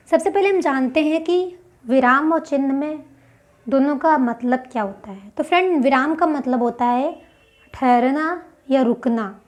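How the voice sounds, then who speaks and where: A woman's voice: sits high, a little mellow. A woman teaching a grammar lesson for exam prep. She explains step by step and asks questions that she then answers herself.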